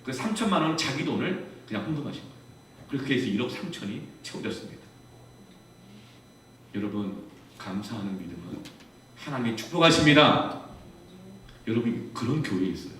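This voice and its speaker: A male pastor preaching a sermon, telling a personal testimony in an animated way and acting out the voices of others. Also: fairly low pitch, fairly quick, long pauses. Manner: animated storytelling, voicing others in the story. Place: church sanctuary. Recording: echoey church hall from far off.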